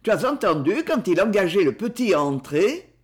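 Guy reading a storybook doing a gruff sly rough man, blunt and suspicious, high lively voice. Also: normal speed.

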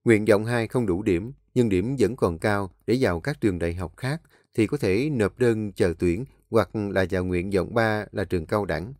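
A man narrating an audiobook in a steady storytelling manner. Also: on the low side, normal speed, dry recording, studio quality.

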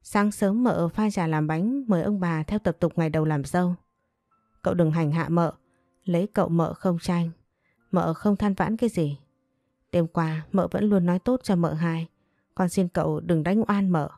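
A woman reading a frightened young maidservant who begs for mercy for her mistress. The voice stays low and mellow, close and dry. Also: moderate pace, no echo, faint music behind, close to an everyday voice. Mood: pleading. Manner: pleading.

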